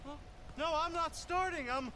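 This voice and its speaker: An actor playing a cheerful, talkative writer of westerns. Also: male voice, extremely high pitch, normal speed, noisy background. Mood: relieved. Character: relieved male western writer, chatty.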